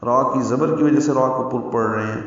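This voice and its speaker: A man teaching the rules of Quran recitation. He explains each rule and slowly sounds out and repeats syllables to demonstrate them. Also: medium pitch. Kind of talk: tajweed lesson, explaining pronunciation rules. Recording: very echoey, distant and dull.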